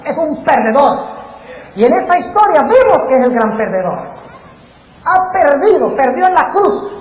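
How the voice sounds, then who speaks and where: A male pastor preaching a sermon to a live audience in a large hall, animated and quizzing the crowd with questions. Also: extremely high pitch, dull audio. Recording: echoey hall, faint noise.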